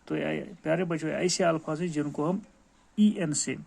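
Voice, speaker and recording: A man's voice: fairly high pitch, steady tone, gravelly, darkish tone. A male school teacher with a Kashmiri accent gives a grammar lesson, explaining patiently and calling his pupils dear children.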